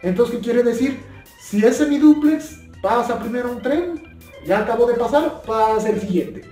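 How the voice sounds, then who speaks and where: A young adult YouTube explainer host with a very high-pitched, dark-toned voice and lively intonation talks at normal speed. He gives an informal, earnest tutorial about two-way radios, often repeating and rephrasing himself. He's seated at a table in a small, bare indoor room, recorded with a distant mic amid echo and faint music.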